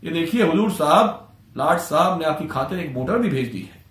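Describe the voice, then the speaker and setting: A man's voice: a little high, expressive, moderate pace, a bit bright. A man voicing a smug male police inspector who teases with sarcastic politeness, in an echoey room. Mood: mocking. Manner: smiling, teasing, sarcastic.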